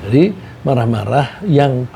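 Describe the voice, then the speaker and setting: Gravelly man preaching a sermon. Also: mid-range voice, expressive, dark tone, slight background noise. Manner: measured storytelling with rhetorical questions and Quranic quotes.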